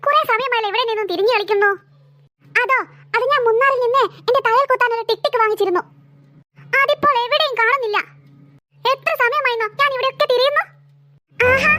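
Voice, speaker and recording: A woman voicing a bossy, possessive cartoon girl who squabbles with her sister in a shrill, scolding, insistent manner. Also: sharp tone. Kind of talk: cartoon voice acting.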